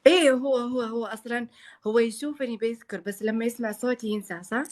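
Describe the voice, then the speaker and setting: A man's voice: very high voice, fast talker. A man putting on the voice of a young woman, coy, polite and insistent, in a live prank chat. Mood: coy, friendly. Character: soft-spoken young woman, pleading and friendly, in a prank.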